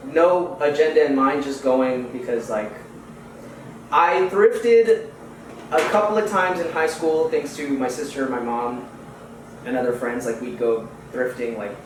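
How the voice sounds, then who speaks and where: A young man from Houston, a podcast guest, talking in a laid-back, slangy way with lots of fillers. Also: mid-range voice. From Houston, United States. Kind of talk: casual interview chat. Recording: echoey room, far from the mic, faint noise.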